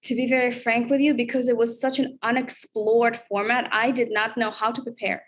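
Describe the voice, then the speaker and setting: A woman's voice: a little high, level tone, brisk. A woman from Russia, a guest chatting upbeat in an interview, with many fillers. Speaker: reality show contestant, guest. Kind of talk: casual interview chat.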